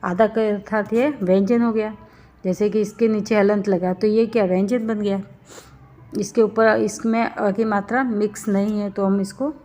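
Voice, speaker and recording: A woman's voice: medium pitch, a little mellow. A woman teaching a grammar lesson, explaining each step and asking questions as she goes. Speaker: Hindi teacher. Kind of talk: classroom lesson on Hindi grammar. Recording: dull, slightly lo-fi recording.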